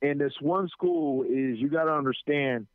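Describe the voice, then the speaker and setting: Animated New man over a tinny line. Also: a little high, normal speed, dry recording. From New Jersey. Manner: animated, stammers on starts, acts out others' lines. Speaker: anti-drug school speaker, radio guest. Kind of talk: casual storytelling chat. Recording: tinny phone-line sound, dry.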